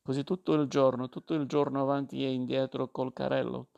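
A man voicing an angry, insistent young war veteran with a creaky voice. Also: mid-range voice, little pitch movement, brisk, a little mellow, muffled recording, lightly acted. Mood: indignant.

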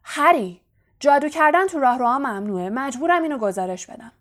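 A woman's voice: fairly high pitch, lively intonation, lightly acted. A woman voicing a bossy teenage boy prefect who gives stern, commanding orders.

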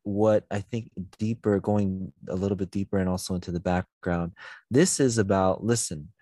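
Pastor, male, low voice, dry sound, reflective and unhurried in conversation. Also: fairly even intonation, mellow, no room sound. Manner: thoughtful, searching for words. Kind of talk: conversational Bible discussion.

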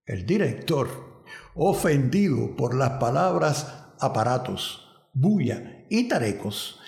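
A man from Cuba, a pastor giving a measured, reflective radio devotional sermon. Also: fairly high pitch, creaky, a little mellow, echoey room.

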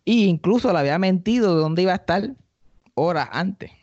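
A man's voice: a little fast, no room sound. A man with a Puerto Rican accent, a podcast host and stand-up comedian, telling a story in casual comic style and acting out the people in it. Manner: animated, acts out quoted people in high voices. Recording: dry, slightly dull podcast audio.

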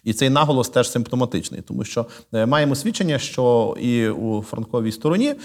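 Scholar guy in an interview, talks slow and careful, lots of uh pauses, mid-pitched voice. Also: animated. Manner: measured and lecturing, frequent "uh" pauses while choosing words. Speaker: guest, literary scholar and museum director. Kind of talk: thoughtful explanatory interview talk.

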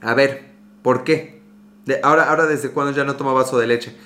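In an echoey room, a Mexican-accented man hosts a laid-back livestream with a mid-range, steady, bright, and forceful voice, talking a little fast. He has a slightly sore throat. He greets viewers by name and chats, jokes, and strays from topic.

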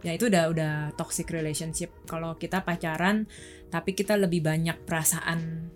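A woman's voice: low voice, fairly even intonation, fairly quick, soft background music. A young adult woman from Indonesia, a guest on a chat show, telling candid personal stories in a casual way.

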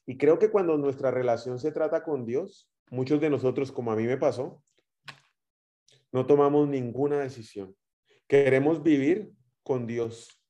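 A male preacher with a Guatemalan accent delivers a sermon in a mellow, warm voice. He often switches from loud, stressed phrases to soft, dropped endings as he tells stories. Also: mid-range voice, measured pace, dull audio. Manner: storytelling with rising and dropping loudness.

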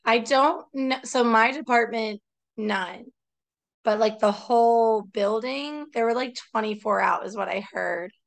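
A woman co-hosting a podcast in casual chat, sounding rough from being sick, chatty with lots of fillers. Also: on the high side, a little slow. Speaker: podcast co-host.

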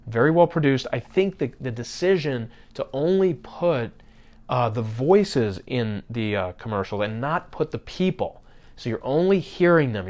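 A man's voice: medium pitch, a little mellow. Chatty male podcast host, talking marketing. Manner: conversational, many fillers and restarts, addresses listeners directly. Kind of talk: casual marketing talk.

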